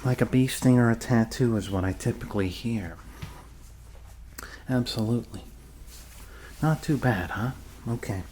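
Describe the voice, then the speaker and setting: In an improvised ASMR roleplay, a man plays a friendly doctor treating a zombie bite, softly reassuring his patient with hesitant, rambling bedside talk and joking asides. His medium-pitched voice has a darkish tone and is close to an everyday voice. He speaks a little slowly, pausing often, over slight background noise.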